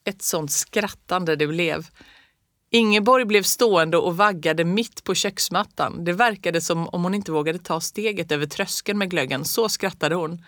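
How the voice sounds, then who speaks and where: A woman reading a story aloud in a calm, measured way. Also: on the low side, no echo, clean studio sound. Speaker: audiobook reader. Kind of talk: scripted storybook narration.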